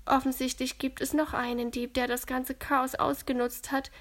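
A woman's voice: sits high, little pitch movement, moderate pace. A woman voicing a thoughtful young boy detective who speaks earnestly.

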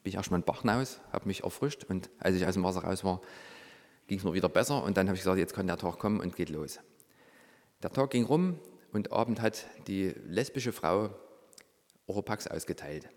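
A middle-aged man from Saxony, Germany, once a reality show participant, tells a personal story in a large hall, acting out its dialogue. His voice sits low and moves fairly quickly, dropping to a hush at moments in his lively telling.

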